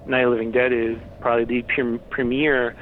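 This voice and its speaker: A man's voice: medium pitch, level tone, a little fast. A man gives a casual interview as a guest, explaining in a matter-of-fact manner. He sounds thin and tinny, as if over a phone line, with faint noise in the recording. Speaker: interview guest, horror host website runner.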